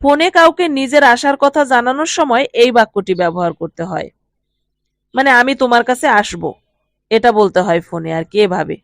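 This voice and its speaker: A woman with a Bengali accent teaching a language lesson, saying each phrase slowly twice and then explaining its meaning. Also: on the high side, lively intonation, creaky, no room sound.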